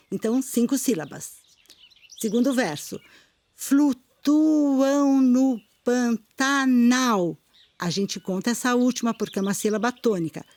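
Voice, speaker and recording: A middle-aged Brazilian woman with a fairly high voice teaches a poetry lesson. Her delivery is calm and measured, and she slows down when reciting verses. She has a clear Brazilian Portuguese accent. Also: no echo. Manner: calm, measured explanation, slowing to recite poems. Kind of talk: video lesson.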